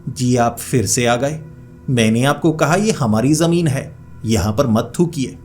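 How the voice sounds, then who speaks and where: A man voicing a polite boy who speaks softly and respectfully, pleading with someone. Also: mid-range voice, a little slow, faint music behind, lightly acted.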